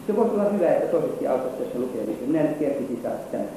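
A man's voice: mid-range voice, big pitch swings, far from the mic, noisy background. A man preaching a fervent sermon in a large church hall, his intensity rising and falling. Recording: echoey hall recorded from afar.

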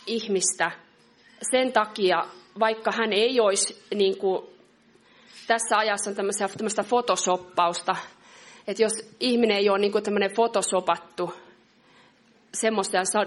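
A middle-aged woman preaching a sermon in an earnest, measured way, reading scripture slowly. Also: mid-range voice.

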